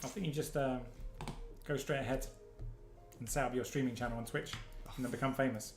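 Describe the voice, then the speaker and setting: A man presenting a casual livestream product demo, joking and upbeat as he talks through the software. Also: medium pitch, fairly even intonation, fairly quick, music in the background. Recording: roomy echo.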